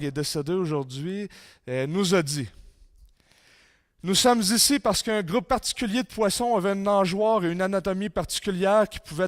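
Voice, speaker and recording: A man with a Québécois French accent giving a sermon-style talk in a church, reading quotes with rising force and dropping low for emphasis. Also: dry recording, clean studio sound. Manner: reads quotes aloud with rising intensity, drops low for emphasis. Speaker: conference speaker.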